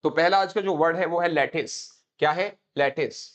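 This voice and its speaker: High-voiced Haryanvi man teaching English. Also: fairly even intonation, moderate pace, fairly bright tone. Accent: Haryanvi-accented Hindi and English. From Haryana, India. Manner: repeats words and quizzes students with call-and-response; mixes Hindi with English phrases. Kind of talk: live online class teaching.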